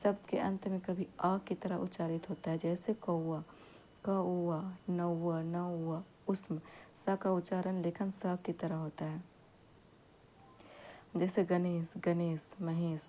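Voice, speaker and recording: Slow, soft-toned woman teaching grammar. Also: fairly low pitch, flat delivery, slight background noise, low-quality recording. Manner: slow, deliberate, repeats each example word. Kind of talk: exam-prep grammar lesson.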